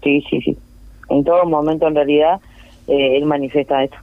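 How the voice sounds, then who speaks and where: A woman's voice: deep voice, fairly even intonation, brisk, no echo. A woman with a Uruguayan accent, speaking on the phone in an interview, hesitant with many fillers and restarts. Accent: Uruguayan Spanish. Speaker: neighborhood representative interviewed by phone. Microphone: telephone. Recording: tinny dry phone line.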